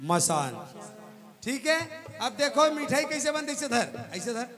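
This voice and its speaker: A man's voice: extremely high pitch, very animated, measured pace. A man with a Chhattisgarhi accent working as a stage magician and host, with teasing, repetitive kids' party magician patter for a child helper and the audience.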